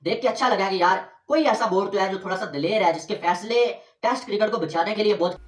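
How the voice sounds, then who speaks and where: A woman's voice: medium pitch, fast, reverberant, distant mic. A woman presenting a cricket news report, explaining it in a conversational way.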